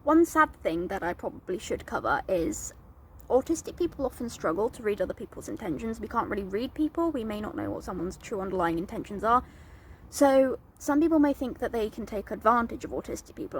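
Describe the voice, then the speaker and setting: A woman's voice: mid-range voice, a little hiss or hum. A woman talking earnestly and plainly to camera in a vlog, explaining things step by step with some fillers. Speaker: advocate vlogger.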